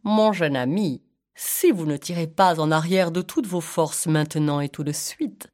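A woman's voice: low voice, measured pace, darkish tone. A woman doing a pompous, long-winded python. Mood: grandiloquent. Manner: long-winded, formal and grandiloquent. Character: pompous, wordy rock python, male.

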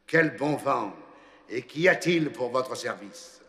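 A man's voice: medium pitch, animated, slow pace, fairly bright tone, long reverb tail. A man voicing a genial, kindly old saint who keeps heaven's gate, in a story reading. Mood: hearty. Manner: hearty, kindly, reassuring.

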